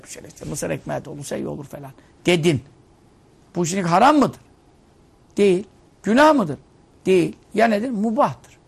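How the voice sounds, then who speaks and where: A man's voice: sits high, creaky, slightly rough. A male preacher giving a conversational sermon, humorous and scolding, telling stories.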